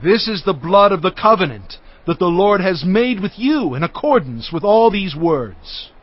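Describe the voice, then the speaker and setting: Moses, a prophet who speaks firmly to the people in a fairly high voice. The audio is dull and lo-fi. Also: male voice, big pitch swings, normal speed.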